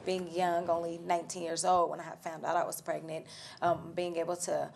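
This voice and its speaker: A woman in her twenties from Denver, answering interview questions hesitantly with many pauses. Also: fairly low pitch, flat delivery, vocal fry, slight background noise. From Denver, Colorado. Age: 20s. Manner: hesitant, many ums, soft-spoken. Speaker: guest.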